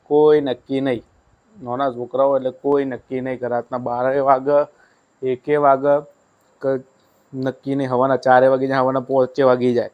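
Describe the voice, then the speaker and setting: A man's voice: medium pitch, level tone, normal speed, highs cut off. A young man chatting casually in a family vlog at home at night, coaxing his small child in between. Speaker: vlogger. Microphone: handheld mic.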